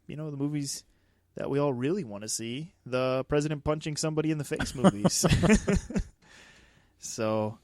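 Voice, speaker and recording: A man's voice: a little high, normal speed, a little mellow, dry recording, studio quality. A man co-hosting a movie podcast, chatting casually and animatedly, often laughing as he talks. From Dakotas, United States. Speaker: podcast co-host. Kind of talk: casual chat.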